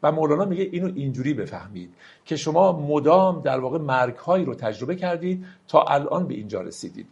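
A man teaching classical poetry, telling a parable and then reciting verses slowly and explaining them in quicker asides. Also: on the high side, very animated, vocal fry, darkish tone, slightly rough, lo-fi sound. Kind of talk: lecture with slow poetry recitation.

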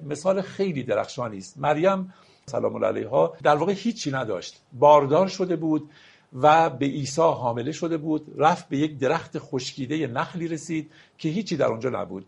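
A man teaching classical poetry, reciting verses slowly and explaining them plainly, sometimes asking his listeners questions. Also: on the high side, expressive, creaky, darkish tone, husky.

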